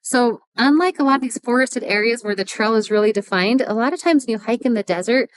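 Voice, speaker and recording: Middle-aged woman, friendly travel-tips host, higher voice, dry room. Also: quick pace, dry recording, poor audio. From Utah. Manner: friendly, laughs easily. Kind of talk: casual travel tips to camera.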